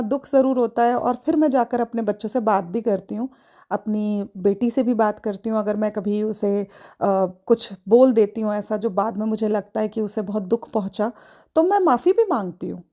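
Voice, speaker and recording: Woman from India, middle-aged, podcast host, earnest advice, fairly high voice. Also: warm tone. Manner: earnest, reflective, mixes English into speech. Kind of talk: advice-giving monologue.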